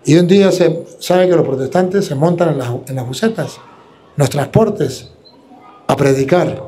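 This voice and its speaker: A man's voice: on the high side, a little slow, dark tone. A man who is a priest, preaching a combative, mocking sermon.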